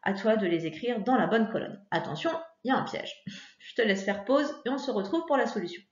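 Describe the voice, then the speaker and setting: A woman teacher with a fairly high voice guides young children through a worksheet, patient and encouraging. She pauses on fillers now and then. The sound is roomy and a little dull, as if taped on a basic setup. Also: lively intonation. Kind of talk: recorded lesson for young pupils. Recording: echoey room, dull lo-fi sound.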